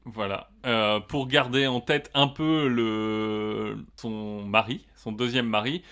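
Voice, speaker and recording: A man's voice: on the low side, fairly even intonation, slow, fairly bright tone, smooth. A man co-hosting a casual history podcast, explaining with fillers and hesitations and slipping in puns. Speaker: podcast co-host.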